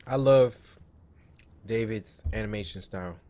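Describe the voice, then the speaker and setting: A man's voice: on the low side, measured pace, mellow. A man hosting a casual reaction video, joking and talking back to the screen with slangy asides. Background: music from the video being watched.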